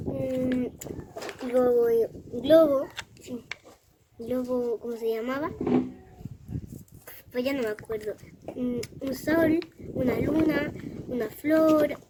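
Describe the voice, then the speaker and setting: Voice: high-pitched, heavy background noise. A children's channel host chatting casually and thinking aloud while unboxing. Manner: exclaims and thinks aloud while handling items.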